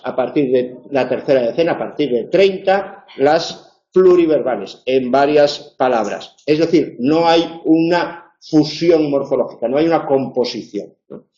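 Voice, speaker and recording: Male lecturer, chatty and wry with lots of fillers, mellow voice in an echoey room. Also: on the high side. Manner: chatty, wry asides, many fillers and restarts. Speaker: university lecturer. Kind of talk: informal tutoring lecture. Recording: dull roomy classroom recording.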